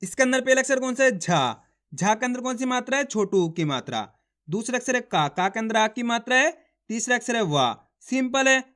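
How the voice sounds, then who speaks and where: A man teaching Hindi reading who repeats each word twice, first stretched out and then firm, and explains in a quick, encouraging way to viewers he calls friends. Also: very high voice, very animated, fairly bright tone. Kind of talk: slow drill of words, then quick explanation.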